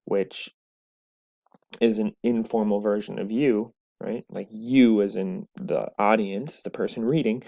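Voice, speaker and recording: A male teacher records a lecture over a webcam, explaining patiently and often saying "right?" and "so." His voice is fairly low and a little mellow, and the sound is slightly dull.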